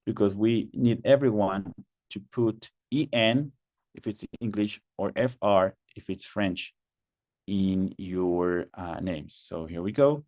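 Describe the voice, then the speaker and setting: Man, webinar host, unhurried, lowish voice, patient, repeats himself, video call. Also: darkish tone, no echo, studio quality. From Mexico. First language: Spanish. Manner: patient, repeats instructions, many fillers. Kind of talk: online webinar moderation.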